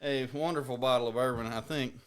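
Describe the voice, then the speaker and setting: A man's voice: medium pitch, steady tone, fast, fairly bright tone, smooth. Laid-back joking podcast co-host, a man. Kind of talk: casual chat.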